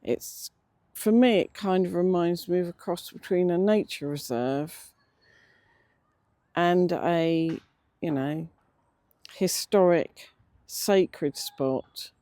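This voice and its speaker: An older English vlogger speaks at an unhurried pace in a soft-edged, mellow tone. The words come out a little toothless and slurred, with hesitant, reflective pauses. The delivery is casual and unscripted, recorded outdoors yet dry and free of echo. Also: medium pitch. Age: middle-aged or older. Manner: slightly slurred toothless speech, stumbles on words. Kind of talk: casual unscripted vlog narration. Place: outdoors, sitting in a cemetery beside a road.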